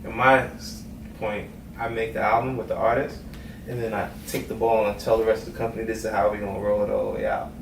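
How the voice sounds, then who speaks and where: He talks fast with a fairly low, level voice: a music executive from Trinidad and Tobago who grew up in Brooklyn, relaxed and conversational in an interview and fond of "you know what I mean." Room echo and noise come through the distant microphone.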